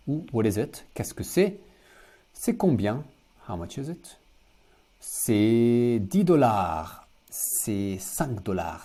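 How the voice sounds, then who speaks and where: A man teaching a beginner lesson, saying each phrase slowly, repeating it and giving the for it. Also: medium pitch, dark tone, husky. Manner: slow, repeats phrases and translates to English. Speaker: French teacher. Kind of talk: language lesson.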